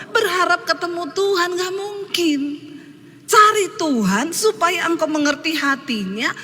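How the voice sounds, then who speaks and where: A woman pastor preaches with a high, bright, ringing voice, telling stories with lively, animated delivery. Her words carry a long church reverb over faint room ambience. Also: a little hiss or hum. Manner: lively storytelling, acts out quotes. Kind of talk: sermon.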